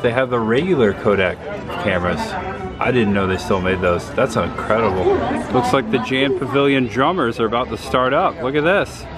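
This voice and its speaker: A man narrating a casual walking vlog at a theme park, chatty and pointing things out as he goes. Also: mid-range voice.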